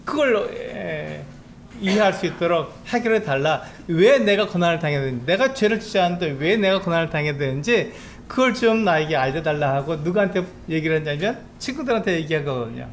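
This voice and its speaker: A man's voice: on the high side, animated, brisk, a little hiss or hum. A male pastor giving a sermon in a conversational, explaining way, lifting his voice when he acts out quoted speech. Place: church sanctuary.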